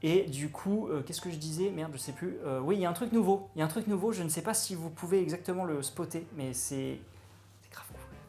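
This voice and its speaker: A man chatting excitedly with viewers while he cooks live, greeting and thanking them as he goes. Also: fairly high pitch, quick pace, few pauses, soft background music. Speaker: cooking streamer. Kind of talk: live-streamed cooking chat.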